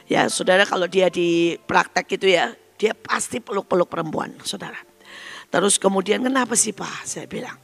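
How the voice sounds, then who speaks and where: A male evangelist telling a story in a sermon, animated, acting out the people he quotes and addressing his listeners directly. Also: high-pitched, normal speed, gravelly, soft background music.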